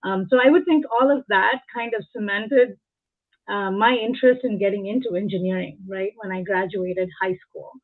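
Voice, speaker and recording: A woman's voice: mid-range voice, normal speed. A woman in her forties, from India, speaking as an interview guest in an earnest, reflective way, drawing on personal examples. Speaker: guest, engineering leader. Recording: tinny phone-like call audio.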